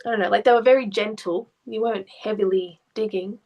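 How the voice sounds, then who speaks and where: A woman art therapist gently asking questions and explaining what a client's drawings mean. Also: mid-range voice, steady tone, brisk, lo-fi sound. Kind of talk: therapy session conversation.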